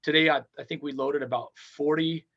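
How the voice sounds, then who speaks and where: A man's voice: on the high side, fairly even intonation, creaky, highs cut off. A man in his forties, a touring band frontman, chatting in an upbeat, rambling way as a podcast guest. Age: 40s. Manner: upbeat, rambling, talks fast in long runs. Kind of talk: casual interview chat.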